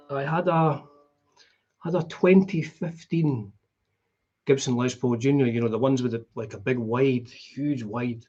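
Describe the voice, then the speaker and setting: A middle-aged man with a broad Scottish accent and a husky voice, chatting casually and in a rambling, conversational way as he hosts a live stream. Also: mid-range voice, a little mellow. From Scotland. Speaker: guitar vlogger hosting a live stream. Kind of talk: casual chat.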